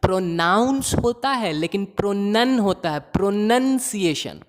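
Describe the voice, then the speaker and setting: A man teaching pronunciation who drills single words slowly and over again and teases learners about their common mistakes. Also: high-pitched, expressive, big-room sound, slight background noise. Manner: slow drilling of single words, repeating them; mocking, teasing asides about common mistakes. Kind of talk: classroom pronunciation lesson.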